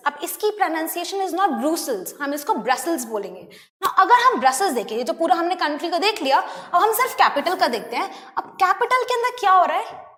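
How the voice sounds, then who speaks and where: A woman teacher with an Indian accent giving an online class lecture. She mixes Hindi and English, checks in often with her students, and slows down to dictate key terms. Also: very high voice, a bit bright. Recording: roomy echo with long reverb.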